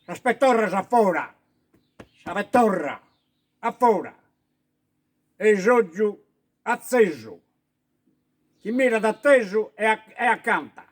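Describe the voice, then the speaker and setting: A man voicing a gruff rustic mountain villager with a Sardinian accent, who bursts into scolding shouts. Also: sits high, expressive, slow, long pauses, heavily acted.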